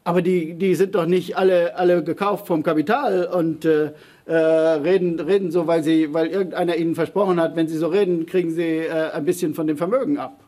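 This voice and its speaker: A man with a husky, slightly high voice argues his point in a public debate. He speaks with force but keeps stalling on fillers, restarting his sentences mid-thought before pressing on. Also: steady tone, fairly quick, mellow. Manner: emphatic, hesitant with many fillers and restarts. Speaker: panel speaker answering audience questions.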